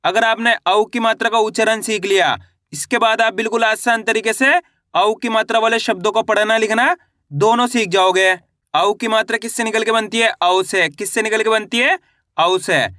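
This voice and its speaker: A man teaching Hindi reading, spelling out syllables slowly and asking questions he answers himself in a lower voice. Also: steady tone, sharp tone, no echo, clean studio sound. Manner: asks questions and answers them himself in a low drawn-out voice. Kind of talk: classroom-style lesson.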